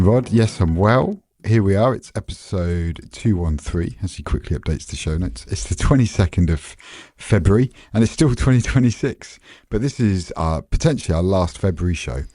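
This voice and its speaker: A sleep-deprived man co-hosting a podcast, relaxed and wry in casual chat. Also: low voice, normal speed, hardly any pauses, no room sound. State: short on sleep. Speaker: podcast co-host.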